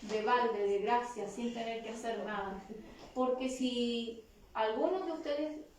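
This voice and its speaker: A woman's voice: on the high side, a little slow, a little mellow, slight background noise. A woman with a Chilean Spanish accent giving an interactive sermon at a church retreat, asking the audience questions and leading call-and-response. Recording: echoey hall picked up from far off.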